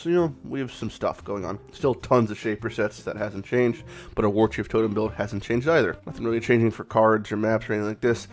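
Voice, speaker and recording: This gaming channel host sounds raspy and on the low side, his voice roughened by a cold. He narrates a casual game commentary vlog off the cuff, rambling and swearing a bit.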